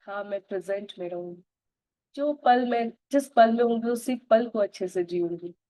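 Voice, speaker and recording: Warm-voiced woman repeating gentle affirmations. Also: fairly high pitch, no room sound, rough recording. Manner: repeats loving phrases slowly, mixing Hindi with English. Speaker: self-help speaker. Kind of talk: spoken self-affirmations and gratitude practice.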